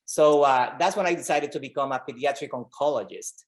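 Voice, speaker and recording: A man from Rico, a doctor telling his story in an interview, earnest and halting, with many fillers and repeated words. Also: medium pitch. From Puerto Rico. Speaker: pediatric oncologist guest. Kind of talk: conversational interview.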